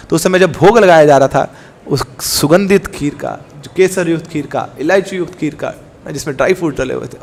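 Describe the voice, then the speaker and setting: A man preaching a devotional sermon, telling a story in an animated, conversational way and asking his listeners questions. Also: sits high. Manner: animated, conversational, asks the audience.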